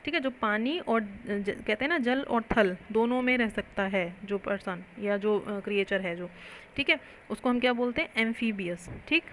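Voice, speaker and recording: A young woman with an Indian accent teaching vocabulary, slowly explaining words and asking her students questions before answering them herself. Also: medium pitch, fairly bright tone, a little hiss or hum, poor audio. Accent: Indian English. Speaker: English teacher. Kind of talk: Hindi-English vocabulary lesson.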